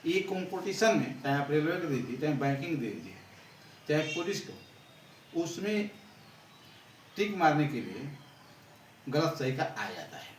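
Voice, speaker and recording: A man's voice: fairly high pitch, sing-song, unhurried, long pauses, a little hiss or hum. A male teacher, explaining grammar to a class, repeating and quizzing as he writes. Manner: repeats and quizzes the class, writing while talking. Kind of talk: blackboard grammar lesson. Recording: roomy echo, far from mic, faint ambience.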